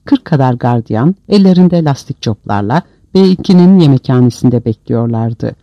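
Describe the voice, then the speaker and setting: A man's voice: fairly high pitch, dry recording. A man narrating an audiobook in a dramatic storytelling manner, on a dull, dry lo-fi recording.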